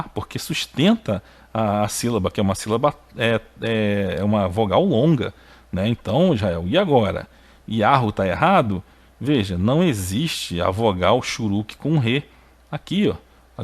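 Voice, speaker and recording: A man giving a video lesson on biblical Hebrew. He is emphatic, keeps checking with short tags, and his pitch jumps up when he stresses a point. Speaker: Hebrew teacher.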